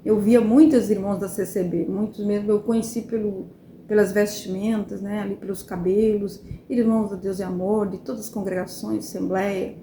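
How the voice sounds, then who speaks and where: A Brazilian woman telling of a religious vision in an emotional, halting way, repeating her words and appealing to her listeners. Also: medium pitch, level tone, dark tone. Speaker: evangelical testimony speaker. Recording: roomy echo, faint background noise.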